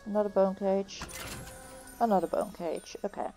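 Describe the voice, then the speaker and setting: A woman's voice: mid-range voice, steady tone, moderate pace, gravelly, mellow, low-quality recording. A woman giving casual gameplay commentary, talking through what she is doing. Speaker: gamer commentator. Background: faint game music.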